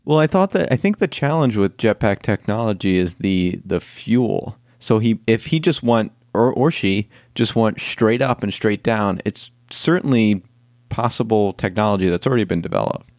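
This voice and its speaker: A man's voice: lowish voice, expressive, normal speed, a little mellow, no echo, clean studio sound. A man in casual conversation as a podcast co-host, explaining things in a matter-of-fact way. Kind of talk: casual chat.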